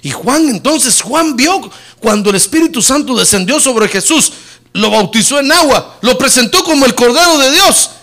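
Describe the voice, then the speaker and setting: A middle-aged pastor delivers a sermon laced with jokes, his high, lively voice swooping widely in pitch at a moderate pace. He builds to loud, emphatic peaks on key points, then sinks low and soft whenever he says "hermano" to his listeners.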